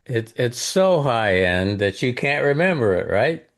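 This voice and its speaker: A man's voice: mid-range voice, sing-song, unhurried. Chuckling, rambling male podcast host. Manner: rambling, chuckling, restarts phrases. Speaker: podcast co-host giving a steakhouse quiz. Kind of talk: casual chat.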